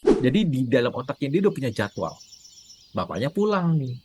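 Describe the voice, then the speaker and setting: Animated man coaching on parenting. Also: mid-range voice, fairly quick, husky. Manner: animated, acts out quoted wives with a raised voice. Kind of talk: casual talk to camera.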